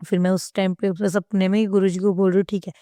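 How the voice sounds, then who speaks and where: A woman's voice: mid-range voice, flat delivery, fast talker, dark tone, dry recording, studio quality. A young woman telling a devotional testimony in an earnest, reverent way, often restarting her sentences.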